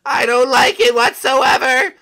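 An anxious banana guard from a game. The voice is high, loud and strained. It wails and whines in panic. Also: male voice, huge pitch swings, moderate pace, heavily acted. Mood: panicked. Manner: panicky wailing. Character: anxious, whiny banana guard afraid of water.

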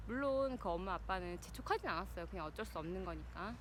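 A woman's voice: fairly low pitch, expressive, quick pace. A woman in her thirties chats casually to listeners while out running, like a personal vlog. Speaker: vlogger, a parent. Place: outdoors, out exercising. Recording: noisy outdoor recording, uneven level.

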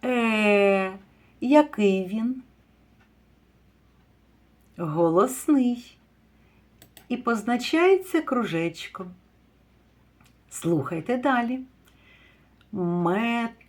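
Slow, husky woman teaching phonics. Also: on the high side, expressive. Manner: slow, drawn-out word sounding with praise and questions. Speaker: kindergarten teacher. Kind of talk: phonics lesson for young children.

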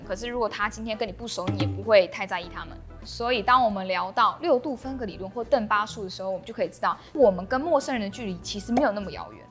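A woman's voice: a little high, pushed and bright. A young woman with a Taiwanese accent presenting a scripted explainer to camera on a lapel mic in a small indoor room. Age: young adult. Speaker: host of an explainer channel. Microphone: clip-on lapel mic. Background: background music.

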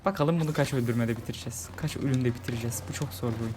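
A man's voice: medium pitch, rapid-fire, darkish tone. A man commentating casually over his own gameplay, joking and grumbling as he repeats his complaints. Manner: frustrated, repeats himself, jokey complaints. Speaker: gaming YouTuber. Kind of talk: casual let's-play commentary.

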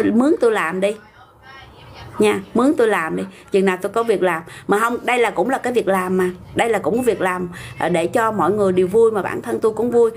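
A woman's voice: medium pitch, slight background noise. An older woman with a Southern Vietnamese accent, hosting a casual livestream, talking back bluntly and argumentatively to viewer comments.

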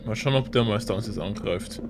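A man's voice: fairly low pitch, brisk. A man giving casual gameplay commentary as a let's player, muttering short remarks to himself. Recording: loud noise behind the voice.

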